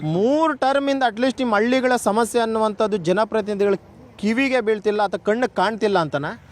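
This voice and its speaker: A male field reporter stands outdoors, questioning villagers in a high, insistent voice. He presses each point with emphatic questions. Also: normal speed. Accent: Kannada. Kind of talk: on-location news interview.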